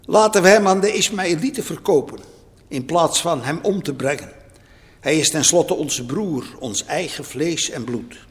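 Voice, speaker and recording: A man's voice: a little high, animated, normal speed, close to an everyday voice. A man reading the part of Judah, an adult brother who pleads and reasons with his siblings, heard with long church reverb. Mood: persuasive.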